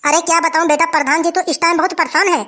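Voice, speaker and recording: Performer playing kindly old village mother, soothing, high, bright. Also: fairly even intonation, fast talker.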